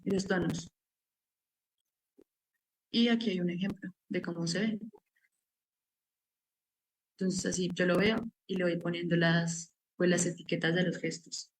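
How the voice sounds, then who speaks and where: A woman's voice: on the low side, a little hiss or hum, low-quality recording. A woman giving an academic seminar presentation, explaining her research step by step with many filler words. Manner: explanatory, walks through steps with frequent "pues" fillers.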